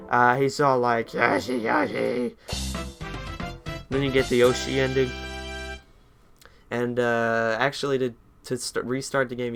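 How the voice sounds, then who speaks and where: A man's voice: medium pitch, gravelly. A young man streaming a game, chatting casually in a rambling, self-deprecating way.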